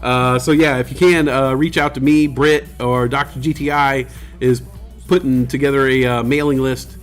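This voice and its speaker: A livestream host chats casually with his viewers, rambling along with lots of fillers while he has the hiccups. His mid-range voice is flat and laid-back at a normal speed, picked up by a desk microphone with faint music in the background.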